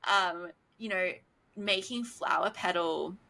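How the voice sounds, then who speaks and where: Chatty female podcast host, slightly low voice with a bright edge, casual interview talk. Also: slow, creaky, rough recording. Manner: chatty, enthusiastic, many fillers.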